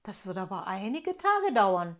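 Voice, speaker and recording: A sensible, practical young elf girl from a children's storybook, speaking firmly and slowly, as a woman reading aloud puts her on. She keeps her friends on track. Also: medium pitch, sing-song, fairly bright tone. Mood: urging.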